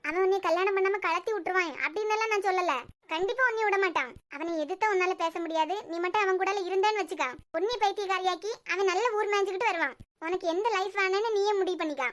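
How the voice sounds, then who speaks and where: A woman's voice: very high-pitched, fast. A woman voicing a blunt, protective young friend in a cartoon series, lecturing firmly with a Kanyakumari Tamil accent. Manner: firm, lecturing.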